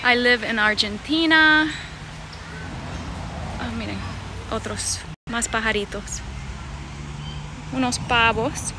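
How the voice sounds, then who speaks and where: Woman from Bolivia, slow outdoor live stream. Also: fairly high pitch. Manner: chatty, reads out and greets viewers' messages. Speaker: vlogger hosting a live stream. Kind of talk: casual live-stream chat. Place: outdoor garden with birds. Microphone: phone held at arm's length. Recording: noisy outdoor phone recording. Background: birds and outdoor ambience.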